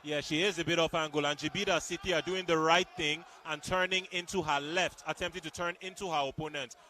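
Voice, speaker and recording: A man's voice: fairly high pitch, steady tone, fairly quick, bright, forceful tone. A man giving live fight commentary as play-by-play, with formal, emphatic phrasing.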